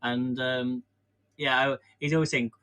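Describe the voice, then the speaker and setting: An English man hosts a relaxed live stream from his home kitchen, baking while he chats and runs a quiz. He rambles, pokes fun at himself and laughs a lot, though his mid-range voice is flat, slightly slow and a bit bright. A camera on a stand serves as the microphone.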